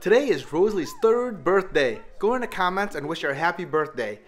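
A man's voice: sits high, sing-song, a little fast. Upbeat man hosting a family vlog. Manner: upbeat, chatty. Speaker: vlog host. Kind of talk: family travel vlog narration. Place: outdoors at a farm.

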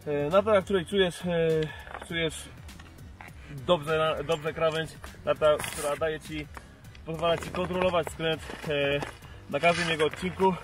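A man's voice: fairly high pitch, fairly even intonation, a little slow, faint music behind. A young man testing skis outdoors on a slope, explaining eagerly to a close camera. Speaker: ski tester. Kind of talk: product review. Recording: outdoor slope with wind noise.

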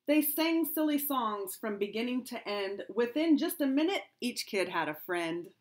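Animated, higher-pitched woman reading to children. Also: measured pace. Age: middle-aged. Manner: expressive, sing-song storytelling with clear emphasis. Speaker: kindergarten teacher. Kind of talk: reading a rhyming picture book aloud to children. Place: small home room indoors.

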